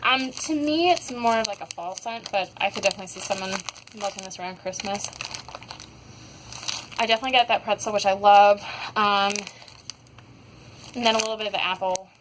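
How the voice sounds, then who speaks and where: A woman's voice: mid-range voice, brisk, long pauses, noisy background. A young woman casually reviewing scented wax melts at home, rambling with many fillers. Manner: rambling, many ums and likes. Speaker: wax melt haul vlogger. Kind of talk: casual product review chat.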